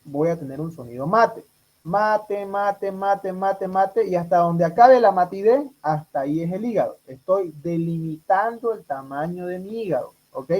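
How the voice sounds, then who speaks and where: High-voiced man quizzing a medical class. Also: darkish tone, low-quality recording. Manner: quizzing students, repeats answers back. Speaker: medical tutor. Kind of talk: exam review class.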